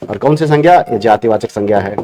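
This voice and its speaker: A man's voice: fairly low pitch, lively intonation, fast, mellow, a little hiss or hum. Man explaining grammar step by step, repeating himself. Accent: Uttarakhand. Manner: explains step by step, repeating key terms and asking questions to the class. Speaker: teacher. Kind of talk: exam-prep grammar lesson.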